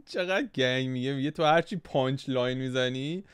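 A man's voice: mid-range voice, over loud music. A man hosting a reaction video, explaining rap lyrics in loose, slangy casual chat. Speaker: host reacting to a rap track. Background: rap track playing underneath.

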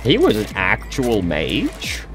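Low-voiced, sweary male game streamer. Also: wildly swooping pitch, takes it slowly. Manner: sweary, bantering. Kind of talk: casual gameplay commentary. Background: game music and gunfire.

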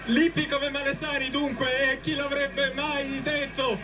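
A male pitch-side radio reporter giving excited, urgent live football coverage from a stadium touchline. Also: unhurried. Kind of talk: live sideline reporting and commentary. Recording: noisy outdoor radio link from stadium.

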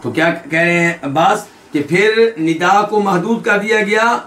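High, bright-voiced man teaching a hadith class. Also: slight background noise. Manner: quizzes listeners with quick questions while explaining; recites quoted lines slowly, then explains them. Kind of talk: hadith lesson. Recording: echoey room.

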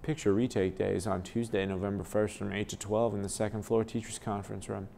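A man's voice: on the low side, level tone, fairly quick, vocal fry, mellow, soft background music. A young man reading scripted school announcements as the announcer.

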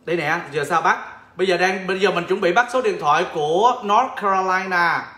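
A man hosting a lively sales livestream, playful and laughing often as he teases callers. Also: high-pitched, a little fast, roomy sound, faint music behind. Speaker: livestream seller and host. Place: home, in Chicago.

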